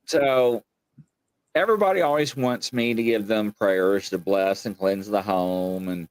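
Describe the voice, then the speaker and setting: A man in his late forties hosts a casual show, spinning rambling, folksy anecdotes with emphasis and acting out the quoted conversations. His voice is fairly low and clean in tone, and he takes his time. The recording quality is poor.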